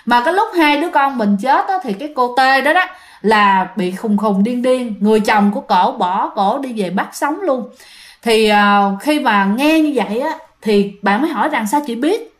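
A woman's voice: on the high side, expressive, normal speed. A woman with a Southern Vietnamese accent telling ghost stories in a chatty style, speaking directly to her listeners. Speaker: storyteller host. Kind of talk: conversational ghost-story narration.

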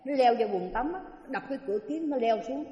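Southern Vietnamese woman, nun giving a dharma talk; raised, warm voice, chatty storyteller, long reverb in a roomy hall. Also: sits high, expressive, fast talker, muffled recording. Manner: chatty, acts out quoted voices. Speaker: Buddhist nun teacher.

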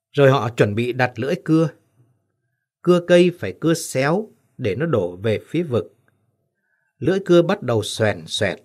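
A man reads a folk ghost story aloud as an audiobook narrator. His voice sits at an ordinary middle pitch. He shifts it a little for each character he voices. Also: darkish tone.

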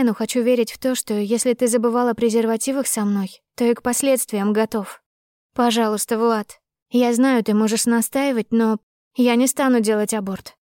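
A woman's voice: fairly high pitch, a little mellow, no echo, natural voice. Woman reading an eager young heroine for a romance audiobook, pleading, dry close sound. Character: loving, earnest young woman.

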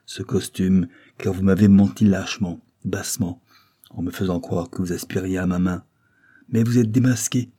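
A man voicing a proud, fierce young woman warrior who speaks with loud scorn. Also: sits low, breathy edge.

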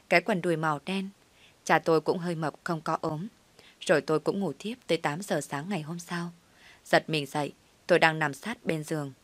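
A woman narrating a personal story in the first person, in a steady, plain recounting manner. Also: low voice, no room sound.

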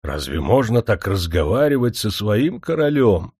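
A man's voice: lowish voice, very animated, moderate pace, darkish tone, husky, no echo, studio quality, heavily acted. A man voicing a frail, tearful old former king in a spoken story, whining and pleading in a raised voice.

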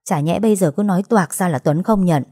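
A woman narrating a dramatic family story in a steady storytelling manner. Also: on the low side, brisk, dry recording, studio quality.

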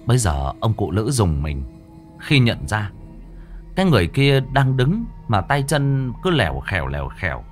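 A man narrating a Vietnamese village ghost story in a vivid, expressive storytelling manner. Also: fairly low pitch, normal speed, soft background music.

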